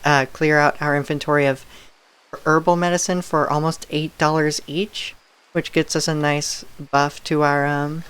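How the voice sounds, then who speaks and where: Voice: mid-range voice, a bit bright, clear, resonant tone. Streamer musing through a game. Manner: musing aloud, thinking through choices. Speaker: live streamer. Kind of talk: casual gameplay commentary.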